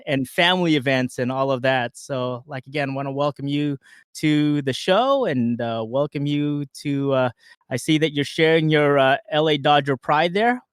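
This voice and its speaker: A man from the United States co-hosting a casual talk show, relaxed and loose with many fillers, speaking over a remote call. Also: on the high side, moderate pace, smooth, dry recording, clean studio sound. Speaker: podcast co-host. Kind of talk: casual chat.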